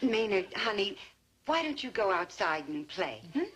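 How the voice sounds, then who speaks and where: An actress playing a patient, tactful mother in an old TV sitcom, gently coaxing with endearments. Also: medium pitch, very animated, moderate pace, soft background music. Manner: coaxing, calling people dear. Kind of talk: 1950s-60s TV sitcom acting. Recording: noisy old TV soundtrack.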